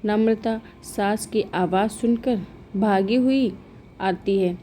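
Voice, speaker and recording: Woman storyteller, calm scripted narration, slow and mellow. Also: mid-range voice, slight background noise.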